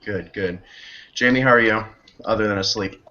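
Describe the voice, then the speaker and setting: A man's voice: fairly low pitch, normal speed, pushed and bright. A man hosting a casual sports podcast, teasing his guests and laughing often. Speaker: podcast host. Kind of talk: casual chat. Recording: muffled lo-fi call audio.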